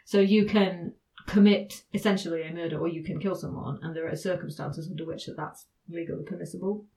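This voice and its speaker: A woman's voice: lowish voice, fairly even intonation, a little fast, warm tone, poor audio. A woman hosting a podcast, explaining law in casual chat, laughing often and full of ums and restarts. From United Kingdom.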